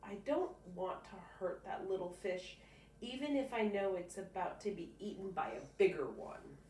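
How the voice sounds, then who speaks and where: A woman storybook reader, medium in pitch and moderate in pace, reads a children's picture book aloud with expression, dropping in casual comments of her own along the way. The audio is roomy and distant, with faint background noise.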